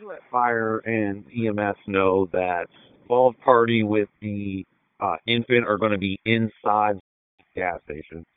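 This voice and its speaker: A man's voice: lowish voice, unhurried, clear, resonant tone, no echo. A man, a police officer, calling in over police radio. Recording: tinny narrowband police radio.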